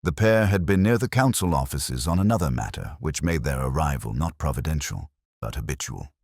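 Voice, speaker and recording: In scripted audiobook-style mystery narration, a man's extremely low, slightly rough voice carries a measured, dryly wry delivery full of lively rises and falls. The sound is close and dry, with little room and no echo.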